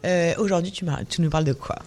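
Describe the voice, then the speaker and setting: A woman hosting a casual radio show, introducing her guest and chiming in with quick reactions and halting questions. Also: fairly low pitch, a little mellow. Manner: interjects short reactions, stumbles on questions. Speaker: radio host.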